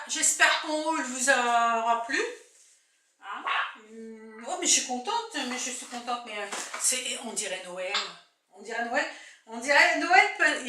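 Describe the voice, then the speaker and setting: A woman's voice: a little high, pushed and bright. An older woman chatting casually to camera, exclaiming and musing aloud as she unpacks and shows clothes in a room at home. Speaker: YouTuber showing a clothing haul. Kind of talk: casual unboxing chat to camera. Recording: echoey room, distant mic, faint noise.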